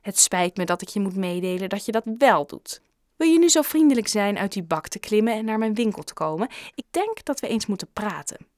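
A woman voicing a kind, gentle grown-up shopkeeper in an audiobook, coaxing and caring. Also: mid-range voice, normal speed, no echo, clean studio sound, close to an everyday voice. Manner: gentle, coaxing, sometimes lively. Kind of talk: audiobook character reading.

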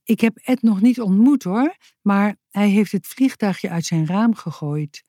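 A woman's voice: medium pitch, measured pace, dark tone, no room sound, clean studio sound, natural voice. A woman voicing a friendly, chatty man who cleans at a prison, in a children's story.

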